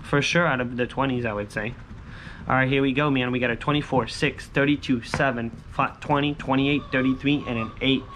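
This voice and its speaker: Scratching lottery tickets on a covered patio by a pool, a man in his thirties chats casually with viewers in short, repetitive, informal bits. He has a medium pitch, fairly even intonation, a fairly quick pace and a fairly bright tone. The recording is rough, with clear ambient background noise.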